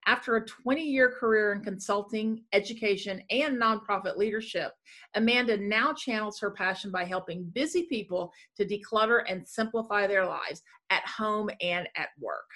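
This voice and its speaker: A woman's voice: medium pitch, normal speed, pushed and bright. A woman hosting an interview podcast, upbeat and enthusiastic, often restarting her questions. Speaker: podcast host. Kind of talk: casual interview chat.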